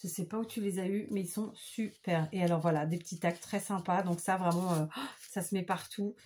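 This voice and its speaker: A woman's voice: lowish voice, fairly even intonation, brisk, darkish tone, a little hiss or hum. A woman chatting casually to camera as she shows off handmade papercraft gifts, gushing with enthusiasm. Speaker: craft vlogger. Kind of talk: casual show-and-tell chat.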